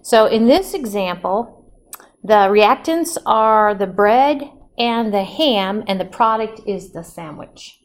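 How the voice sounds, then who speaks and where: A woman's voice: mid-range voice, expressive, slow. A woman teaching a general chemistry class in a lecture, chatty and asking her students questions as she goes. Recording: echoey classroom recording.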